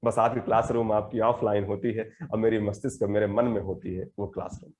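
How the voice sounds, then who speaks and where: A man in his thirties, a poet talking earnestly and reflectively in an interview and reciting his verse slowly with rising emphasis. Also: lowish voice, flat delivery, crowd noise. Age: 30s. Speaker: poet guest. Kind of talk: conversational interview with poetry recitation.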